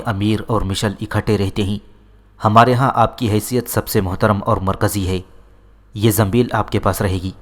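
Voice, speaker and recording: A devoted young woman who pleads tenderly with her elder, read by a man in an audiobook. She sounds earnest and warm-hearted. The voice stays low and plain. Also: natural voice. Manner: earnest, affectionate. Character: young woman, devoted daughter-in-law, affectionate.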